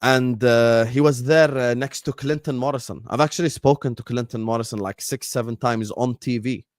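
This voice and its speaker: A medium-pitched Jordanian host, Arabic being his native language, talks at a normal speed and in a steady tone on his football live stream. He's combative, repeats phrases and uses fillers like "you get me." The audio is clean studio sound without any room reverb.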